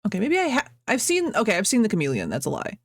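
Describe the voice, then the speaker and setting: A woman's voice: medium pitch, huge pitch swings, fast, breathy edge, dry recording, studio quality. A young adult woman streamer chatting casually at home, rambling, reading chat aloud and laughing often. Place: at home, birds outside.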